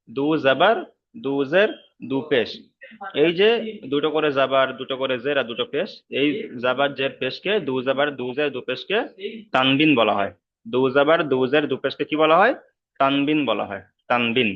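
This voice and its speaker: Patient man teaching letters slowly. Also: medium pitch, lively intonation. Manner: patient, repeats each sound slowly. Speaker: Quran reading teacher. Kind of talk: online class instruction. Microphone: video call. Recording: slightly dull online call audio.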